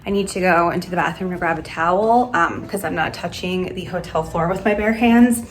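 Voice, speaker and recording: A woman's voice: on the low side, fairly quick. Chatty woman vlogging in a hotel room. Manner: chatty, candid, laughing. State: out of breath at times. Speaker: flight attendant vlogger. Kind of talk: casual workout vlog.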